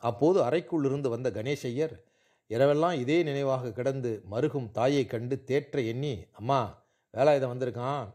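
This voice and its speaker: A man narrating a literary short story in a measured, expressive way. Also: medium pitch. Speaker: audiobook narrator.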